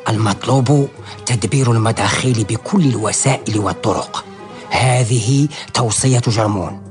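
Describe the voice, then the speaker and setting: Casting: male actor for authoritative henchman, lowish voice, measured period radio delivery, faint music behind. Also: lightly acted. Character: authoritative male henchman relaying his master's orders. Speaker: actor in a historical radio serial. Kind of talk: radio drama acting in formal Arabic.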